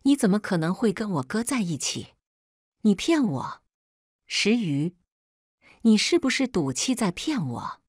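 A woman's voice: mid-range voice, big pitch swings, a little slow, long pauses, husky, dry recording, studio quality. A woman reading a furious arrogant young man. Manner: shouting, accusing.

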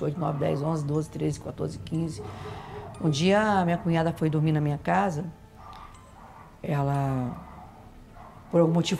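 Woman guest telling her own story, somewhat low-pitched, emotional, stops and repeats herself. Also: warm tone, a little hiss or hum. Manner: emotional, halting, repeats phrases. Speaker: interview guest. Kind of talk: personal storytelling in an interview.

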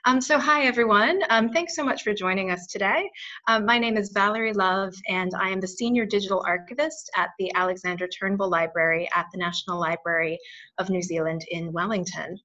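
This American woman speaks briskly with a sharp tone in a mid-range voice. She's giving a webinar over video call, earnest and friendly, filling pauses with frequent "um"s, and the audio has a dull, low-fidelity web-call quality.

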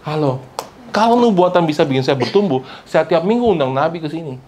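A pastor preaching a sermon to a congregation, mixing Indonesian with English phrases and often calling for responses from the listeners. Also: male voice, a little fast. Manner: keeps prompting the congregation for responses; animated and emphatic, with big pitch swings. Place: church service before a congregation.

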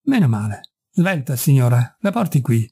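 A calm, middle-aged detective speaks in short, firm and urgent sentences, as a male reader voices him. The voice is a touch low, very dark and mellow, and husky. It is an audiobook reading. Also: moderate pace.

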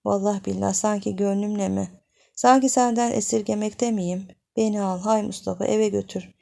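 A woman voicing a frightened young village wife who pleads in a hushed, frantic way. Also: medium pitch, fairly even intonation, moderate pace, gravelly, close to an everyday voice. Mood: pleading.

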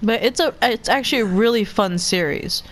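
A woman's voice: a little high, moderate pace. A woman streaming a video game, rambling casually between gameplay and swearing freely. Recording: voice over game music.

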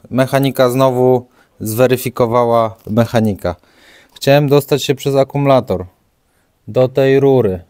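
With a warm, mid-range voice, a young man who vlogs about car mechanics chats frankly as he works on an engine. It's casual how-to commentary, chatty and self-deprecating, recorded in an open home garage while it rains outside.

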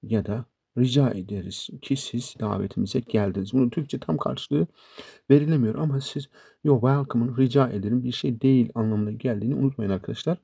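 A man with a gravelly, husky voice gives an English lesson. He talks slowly and on purpose and says each example phrase twice. The sound is dry and close, with a dark, mellow tone. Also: mid-range voice, no room sound. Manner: slow, deliberate, repeats example sentences. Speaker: English teacher, channel host.

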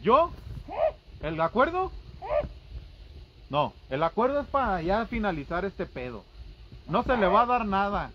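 A man's voice: high-pitched, very animated, measured pace, pauses often. A man with a Mexican accent, hosting a comedy vlog, talking in a brash, mocking, teasing way. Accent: Mexican Spanish. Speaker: vlog host confronting a witch. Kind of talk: teasing, joking banter. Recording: muffled, with loud background noise.

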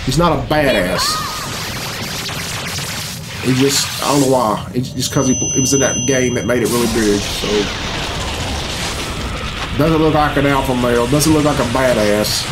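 Game cutscene music plays in the small furnished home room where this thirty-something man records his reaction video. He speaks at a normal speed in a medium pitch, leaving long pauses between his blunt, grumbling, profane off-the-cuff remarks, delivered in a casual style.

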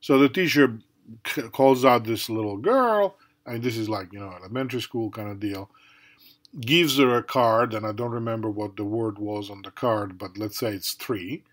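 A man's voice: on the low side, normal speed, a bit bright. A middle-aged man lecturing as a university professor in a conversational way, with many fillers and tag questions. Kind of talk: recorded lecture.

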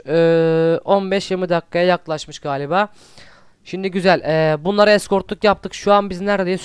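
A man hosting a let's play, commenting excitedly as he plays, swearing at enemies and coaxing his pet wolf along. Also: high-pitched, clean tone, no echo. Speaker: gaming channel host.

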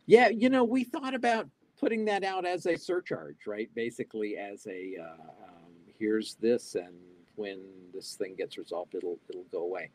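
Using a wired earbud mic on a video call from a small home office, an older man acts as keynote presenter for a live online Q&A. His voice is on the low side as he reads audience questions aloud and answers spontaneously, with fillers and restarts.

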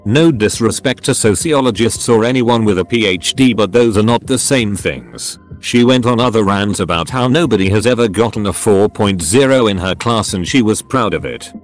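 A man narrating online posts in a flat, even read-aloud delivery. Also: lowish voice. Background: faint music.

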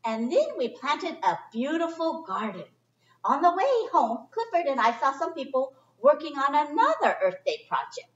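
Her voice high and her speed normal, a middle-aged storyteller does a chatty, expressive picture-book read-aloud for young children, with simple phrases and informal asides. The setting is a library's indoor children's area, and a distant camera microphone makes the audio echoey and muffled.

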